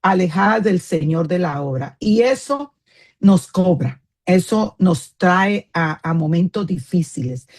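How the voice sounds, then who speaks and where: A woman's voice: on the low side, expressive, a little slow, darkish tone. A woman, a pastor's wife, giving an earnest teaching talk to other women in a firm tone that can sound scolding, with many fillers and "isn't that right?" asides.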